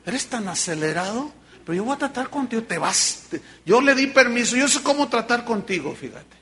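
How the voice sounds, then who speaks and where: A man's voice: very high-pitched, sing-song, brisk, pushed and bright, heavily acted. A man voicing Jesus as a firm, fatherly teacher correcting a disciple. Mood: scolding. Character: Jesus, patient stern male teacher correcting.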